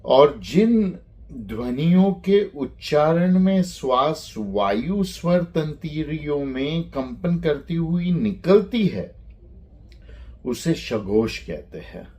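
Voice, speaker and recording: A man teaching a lecture on phonetics, speaking deliberately and spelling out sounds one by one. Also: a little high, big pitch swings, warm tone.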